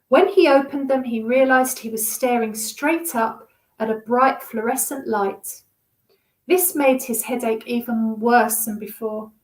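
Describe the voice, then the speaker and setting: A woman's voice: fairly high pitch, darkish tone. A woman reading a children's novel aloud expressively and chatting with young listeners. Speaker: storyteller. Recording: roomy echo.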